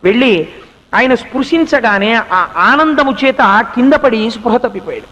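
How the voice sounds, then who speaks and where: A man's voice: very high voice, animated, normal speed, pushed and bright, dull audio. A man giving a storytelling religious discourse, putting rhetorical questions to his listeners. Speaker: spiritual discourse speaker. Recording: long hall reverb.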